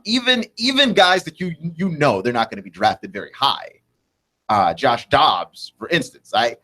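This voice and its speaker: A man's voice: a little high, fairly bright tone. A man in his twenties hosting a sports talk radio show, thinking aloud in a rambling way with many restarts and "right?" tags. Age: 20s.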